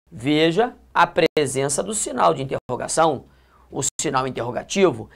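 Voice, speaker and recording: Brazilian woman, grammar teacher; low, gravelly voice with an emphatic, chatty classroom delivery. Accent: Brazilian Portuguese. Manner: emphatic, repeats key points, colloquial asides. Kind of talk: classroom-style video lesson.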